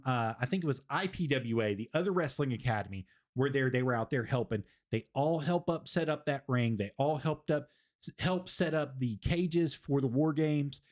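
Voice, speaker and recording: A man's voice: mid-range voice, animated, moderate pace, a little mellow. Man, stream host, casual wrestling chat, rambling, repeats himself. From Tennessee, US. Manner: rambling, repeats phrases for emphasis.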